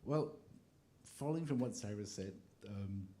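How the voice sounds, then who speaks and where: A man in his sixties, a composer on a panel, telling stories in a relaxed way and laughing often. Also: on the low side, a little slow. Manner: storytelling, laughing often, acts out quotes.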